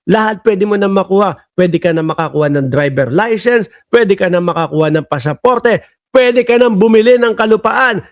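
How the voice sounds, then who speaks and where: Man, high voice, political vlogger, chatty, mocking tone. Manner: mocking, chatty, addresses viewers as bosses and countrymen. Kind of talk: casual political commentary.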